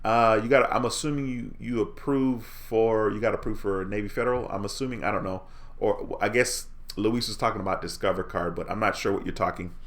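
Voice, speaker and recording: This live-stream host from Jamaica has a low, relaxed voice and speaks briskly. In a friendly, casual chat, he reads out comments from viewers and responds to each.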